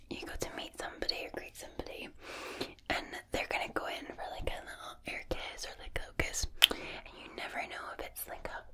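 A young woman hosting ASMR in a whisper, speaking intimately and affectionately to the listener, very close to the microphone. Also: sharp tone. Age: young adult. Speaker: ASMR video host.

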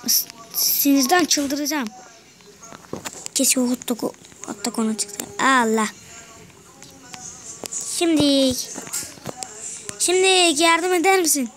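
Excitable high-voiced young gamer girl. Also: slow pace, long pauses, soft background music. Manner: excitable, swearing, frustrated muttering. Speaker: gaming channel host. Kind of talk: casual gameplay commentary. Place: bedroom at home.

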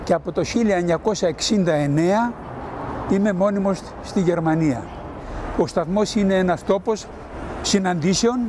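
A man in his seventies from Greece, recalling his past calmly in a documentary interview. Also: sits high, brisk, background noise. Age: 70s. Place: large station hall, indoors.

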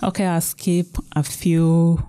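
A woman author reads aloud from her own novel, calm and measured. Her delivery is slow, her voice a touch low and soft, with a mellow, relaxed tone. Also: clean tone.

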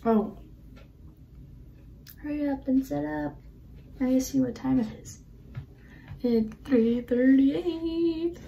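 A woman with a high, mellow voice narrates a laptop unboxing indoors. She speaks slowly, gasps with excitement, and often drops to a whisper. A faint hiss sits under her voice. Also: creaky, muffled recording. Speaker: vlogger. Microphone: camera on a tripod.

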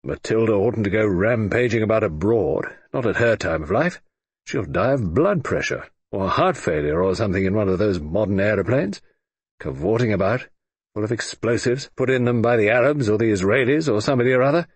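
A man reads an audiobook, performing a gruff, blustering retired admiral who grumbles in brusque, clipped bursts. His voice is lowish, animated and a little fast, with no echo.

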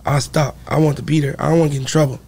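A young man from Kansas speaks candidly into a studio mic. His voice is gravelly and husky, a bit high-pitched. He restarts his sentences as he reflects. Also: little pitch movement, rapid-fire, a little mellow. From Kansas, USA. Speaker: guest artist. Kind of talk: casual interview talk. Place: podcast studio. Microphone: studio mic on boom arm.

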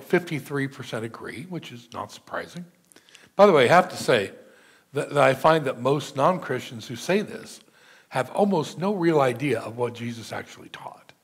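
An older man, a pastor, preaching a measured sermon from a church pulpit and reading scripture aloud. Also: medium pitch, husky. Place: church sanctuary. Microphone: pulpit mic, seen from far camera.

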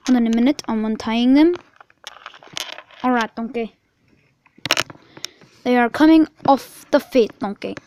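A woman's voice: on the high side, measured pace, pauses often, dull audio, noisy background, lightly acted. A woman playing a jumpy, childlike male ogre in a homemade role-play vlog, calling everyone donkey. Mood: playful. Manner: playful, calls everyone donkey. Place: outdoors at night, then indoors at home. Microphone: handheld video camera.

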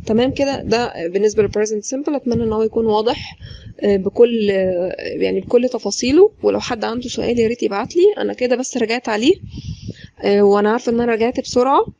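A woman with an Egyptian accent teaches English pronunciation to Arabic speakers, working through her slides one rule at a time. Her voice sits a little high yet sounds soft and mellow. She repeats each example sentence slowly and patiently so learners can copy it. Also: gravelly, muffled recording. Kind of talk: slide-based pronunciation lesson.

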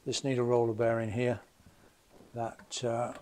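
A man's voice: medium pitch, completely flat delivery, unhurried, mellow. An English man who works on motorcycles, explaining each step as he strips down an engine in his basement workshop. He talks in a plain, methodical way and thinks aloud with small fillers. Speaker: motorcycle mechanic presenter. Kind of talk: hands-on workshop demonstration. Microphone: camera mic above the bench, hands only in frame. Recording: faint extractor fan hum. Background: extractor fan noise.

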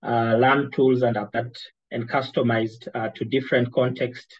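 A man giving a webinar presentation over a video call whose audio keeps breaking up, halting with many fillers. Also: medium pitch, little pitch movement, highs cut off. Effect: choppy, breaking-up video call audio.

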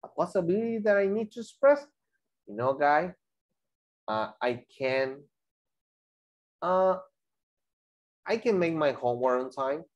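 Lively, slow-talking teacher. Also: male voice, a little high, muffled recording. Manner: switches between Spanish and English, lively and chatty with students. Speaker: English teacher. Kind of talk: online class explanation.

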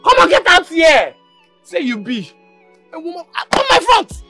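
An actor in a film drama playing a student who loudly taunts and scolds a classmate, in a Nigerian Pidgin accent. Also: male voice, extremely high pitch, huge pitch swings, normal speed, soft background music, exaggerated voice.

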